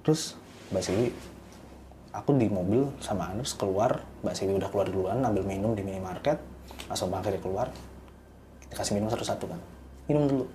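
A man casually telling a horror story as a guest, growing animated at tense moments. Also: a little fast, pauses often, a little hiss or hum. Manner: animated, rising in pitch and volume at tense moments.

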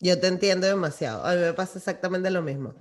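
A woman's voice: fairly low pitch, quick pace. A woman interviewing a friend in casual chat, supportive and affirming, laughing often.

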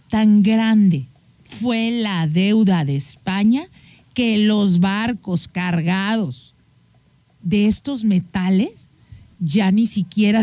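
A woman's voice: medium pitch, dark tone, no echo. A woman with a Mexican accent hosts a show. She tells history in a casual, playful, teasing way. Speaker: host.

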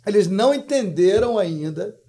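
Speaking at normal speed with animated delivery, this young Brazilian man has a high voice that is dark and slightly rough, with a Brazilian Portuguese accent. As a real estate broker guest on a podcast, he spins casual stories bluntly and with slang, addressing the listener as "brother."

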